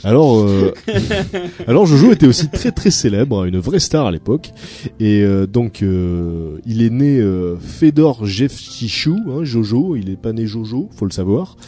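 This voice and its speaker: A man hosting a radio chat show, telling odd stories in a lively, halting way full of fillers. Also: medium pitch, soft background music. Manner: storytelling, many fillers, animated. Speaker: radio host.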